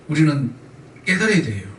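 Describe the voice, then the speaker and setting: A man's voice: fairly high pitch, sing-song, moderate pace, fairly bright tone, slight background noise. A male pastor preaching a sermon with emphatic repetition, leading the congregation in call-and-response. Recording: echoey church sound from a distant mic.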